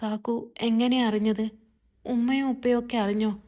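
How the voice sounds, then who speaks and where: A woman voicing a hurt young wife in a read-aloud family story, in a soft, plaintive voice. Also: fairly high pitch, steady tone, moderate pace, lightly acted.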